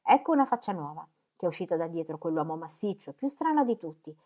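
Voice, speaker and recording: A woman reading aloud voices a sharp-tongued society lady who gossips and teases. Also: on the low side, sing-song. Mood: mocking. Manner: teasing, mocking, quick remarks.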